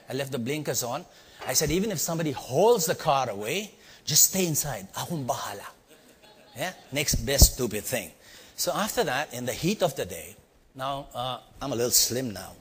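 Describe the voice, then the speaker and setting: A middle-aged man with an Indian accent, who teaches storytelling, tells a live audience a personal story, acting out his exclamations and asking them questions. His voice is medium-pitched, fairly bright, and slightly rough, with the long reverb of a hall around it.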